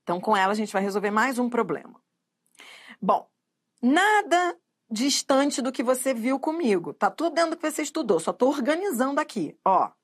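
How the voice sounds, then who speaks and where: A middle-aged Brazilian woman teaching grammar for exams, quizzing listeners with repeated questions and drawing out key terms slowly. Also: a little high, sing-song, husky. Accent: Brazilian Portuguese. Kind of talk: exam-prep grammar lesson.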